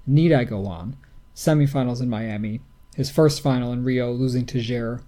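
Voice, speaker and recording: A man's voice: mid-range voice, moderate pace, warm tone. A man co-hosting a tennis podcast in casual chat, matter-of-fact, rattling off lists. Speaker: podcast co-host.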